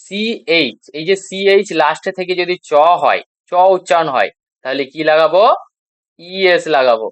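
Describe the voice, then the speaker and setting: A man's voice: on the high side, expressive, moderate pace, dry recording. A man teaching English grammar to beginners, with a Bengali accent, spelling out word endings and answering his own questions. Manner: asks rhetorical questions and answers them, repeats spelled letters. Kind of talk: classroom grammar lesson.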